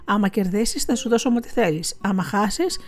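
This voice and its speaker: A woman's voice: medium pitch, animated, natural voice. A woman voicing two cocky male dice players baiting a stranger into a bet.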